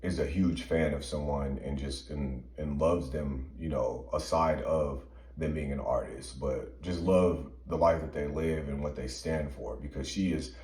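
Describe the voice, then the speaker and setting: A man's voice: very deep voice, fairly even intonation, measured pace, few pauses, darkish tone, echoey room. A man co-hosting a music commentary show, giving earnest, emphatic opinions with plenty of fillers. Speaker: podcast co-host. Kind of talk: casual chat.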